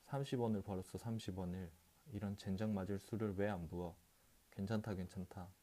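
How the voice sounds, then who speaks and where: A man's voice: low voice, fairly even intonation, fairly quick. A man reading the part of a drunken, boisterous rickshaw puller who blusters and curses, in an audiobook. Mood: boastful drunk. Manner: blustering, cursing, shouting.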